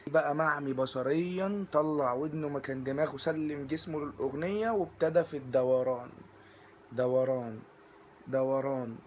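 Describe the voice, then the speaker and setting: A young Egyptian man with an Egyptian Arabic accent, performing a comic monologue with rapid, animated storytelling and acted-out exchanges. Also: on the high side, a little hiss or hum. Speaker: comedian.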